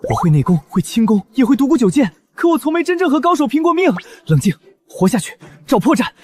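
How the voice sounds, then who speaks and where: An actor playing an excitable, nervy young martial-arts fighter in a fantasy drama. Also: male voice, very high voice, quick pace, a little hiss or hum. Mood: tense, self-urging.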